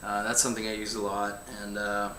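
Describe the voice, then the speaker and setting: A man's voice: lowish voice, monotone, brisk. A young man chatting casually on a livestream, telling stories in an easygoing way with hesitant fillers. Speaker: band member answering fan questions. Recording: roomy with faint hum.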